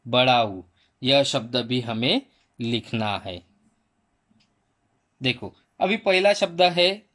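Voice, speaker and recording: A man teaching a primary school Hindi lesson, slowly sounding out each letter and vowel sound for children. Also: medium pitch, fairly bright tone. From India. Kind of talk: slow spelling lesson for children.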